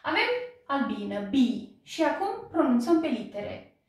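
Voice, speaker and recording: A woman with a Romanian accent, teaching slowly and patiently, praising each repetition in a drill. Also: high-pitched, very animated. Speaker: English teacher. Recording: very echoey room, voice from a distance.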